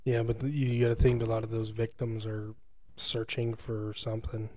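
A man's voice: on the low side, monotone, normal speed, dark tone, slight background noise. A man co-hosting a casual chat, asking short questions and teasing his friend.

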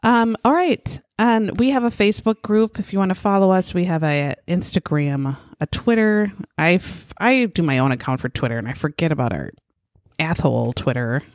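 A woman's voice: lowish voice, moderate pace, dry recording, clean studio sound. A woman co-hosting a podcast in casual chat, profane and giggly, telling stories with lots of laughter. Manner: profane, giggly, animated storytelling. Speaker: podcast co-host.

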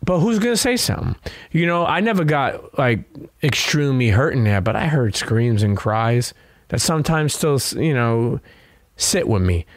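This Brooklyn-born man, an interview guest, tells candid conversational stories in a mid-range voice with lively intonation and a measured pace. His manner is streetwise and profane, with frequent "you know." The mic is dry.

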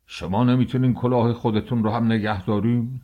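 A man's voice: on the low side, expressive, dull audio. A man voicing an impatient, snapping male office boss in an audiobook. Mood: irritated.

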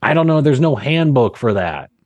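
A man as a podcast guest, chatting about a film in an animated, halting way. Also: medium pitch, no room sound. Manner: animated, halting, laughs a lot. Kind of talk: casual film discussion.

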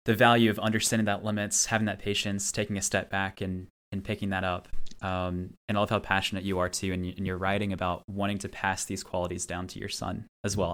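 A man's voice: sits low, a bit bright. A man hosting a podcast interview, affirming his guest and asking long, framed questions. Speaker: podcast host.

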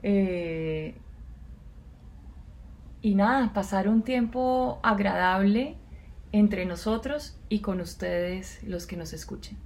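A woman, co-hosting a podcast in a measured, reflective way. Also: mid-range voice, darkish tone. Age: 40s. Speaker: podcast co-host. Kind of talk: casual podcast intro.

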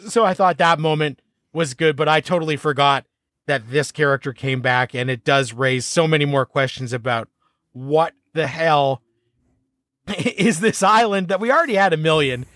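A man co-hosting a casual TV recap chat, talking with eager, animated enthusiasm. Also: fairly high pitch, normal speed, dry recording, clean studio sound. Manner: enthusiastic, animated fan talk. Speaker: podcast co-host.

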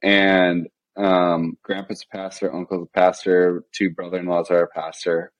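On a podcast, a young Midwestern man speaks as a guest in a very deep, low voice at a moderate pace. His casual delivery stays flat and deadpan, with a steady stream of "like" and "um" linking his thoughts.

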